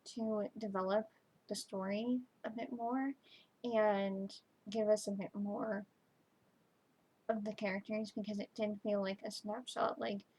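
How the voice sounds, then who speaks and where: A woman giving a chatty, informal book review to camera, halting and often trailing off mid-thought. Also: mid-range voice, darkish tone, slight background noise, low-quality recording. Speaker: book reviewer, video host.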